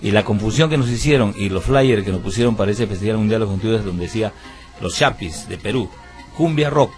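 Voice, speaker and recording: A Peruvian musician and band founder with a Peruvian Spanish accent gives an earnest radio interview, telling his story at length with many fillers and restarts. His voice is fairly low, expressive, brisk and a little mellow, and faint music plays behind him.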